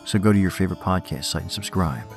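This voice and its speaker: A man hosting a horror podcast, reading scripted stories and poems in a measured, theatrical manner. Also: low voice, creaky, faint music behind.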